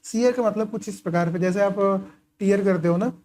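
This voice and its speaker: Mellow-voiced engineering tutor, self-questioning. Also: male voice, a little fast. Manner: keeps asking and answering his own questions, frequent "okay" and "right" check-ins; writes and highlights while talking. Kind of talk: casual lecture explaining course material.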